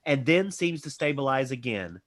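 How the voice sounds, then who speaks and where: A man's voice: medium pitch, sing-song, normal speed, fairly bright tone. A man reading stage directions as narrator in a scripted reading.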